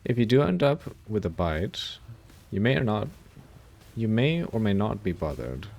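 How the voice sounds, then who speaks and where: A man streaming a game live, reacting loudly, swearing freely and reading chat messages aloud. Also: fairly low pitch, slight background noise. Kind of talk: casual live-stream commentary while gaming.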